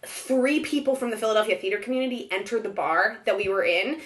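A woman's voice: on the high side, fast talker, reverberant. A young woman hosting a casual chat, telling a dating story with lots of laughter. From born in Israel, raised in Ohio. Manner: animated storytelling, laughs often.

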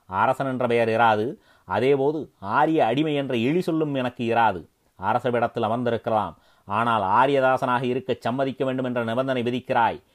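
A man's voice: medium pitch, moderate pace, close to an everyday voice. A man voicing a proud, defiant young king who refuses servitude, in a declamatory, indignant dramatic story reading.

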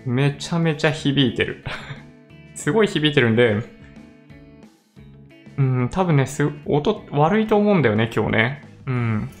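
A man's voice: medium pitch, unhurried, long pauses, soft background music. Chatty man in an echoey bare room. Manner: relaxed, chatty, often laughing. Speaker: vlogger. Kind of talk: casual chat to camera. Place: newly moved-in empty room, indoors. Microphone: condenser mic on a stand.

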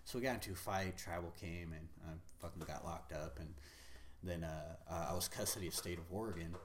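A man's voice: low-pitched, fairly quick, a little hiss or hum. An American man from the Pacific Northwest telling personal stories in casual conversation, candid, slangy and profane. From United States, Pacific Northwest. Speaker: guest.

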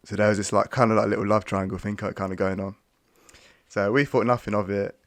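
A young man with a low, gravelly voice tells a story in laid-back slang, like a mate chatting on a podcast. The recording is dry and close, with no room sound. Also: fairly even intonation, quick pace, no room sound. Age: young adult. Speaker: podcast co-host. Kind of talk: casual chat.

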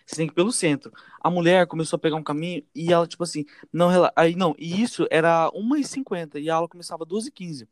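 A young man from tells a story to his friends at a rapid clip, calling out to them as he goes. His voice sits a little high, and the recording is dry and close. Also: no echo. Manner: fast, animated, addresses listeners as gente and velho. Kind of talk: casual storytelling among friends.

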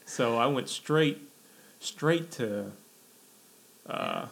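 A young man hosting a casual podcast chat, telling stories in a relaxed way with frequent laughs. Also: mid-range voice, extremely slow, creaky. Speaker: podcast host.

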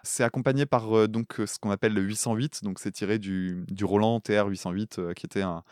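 A man co-hosting a casual music podcast, animated, laughing often and swearing casually as he reviews song covers. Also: on the low side, fairly quick, smooth, no echo, studio quality. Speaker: podcast co-host; schoolteacher.

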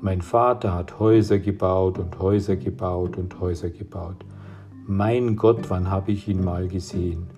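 A man's voice: low-pitched, fairly even intonation, moderate pace, mellow, soft background music. A man doing a distraught runaway teenage boy. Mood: bitter.

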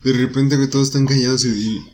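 A young man with a Mexican accent in a casual chat with friends, excitable, swearing and laughing often. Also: medium pitch, quick pace, a little hiss or hum.

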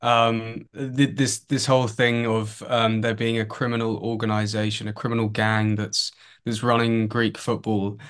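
A man's voice: fairly low pitch, flat delivery, unhurried, fairly bright tone, smooth. A man, a sports journalist guest on a podcast, chatting casually in a wry, hesitant way. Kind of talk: casual football chat.

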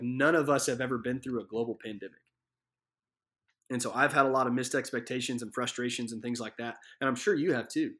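A man's voice: medium pitch, a bit bright. A man giving a casual devotional Bible teaching from a living room, telling the story vividly and earnestly, with many fillers and restarts.

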